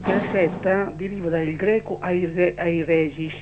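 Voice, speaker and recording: A man's voice: sits high, fairly even intonation, a little slow. A man from the Veneto calling a radio show for the first time, politely explaining his view. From Veneto, Italy. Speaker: caller. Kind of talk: phone-in radio call. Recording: muffled phone line with faint hum.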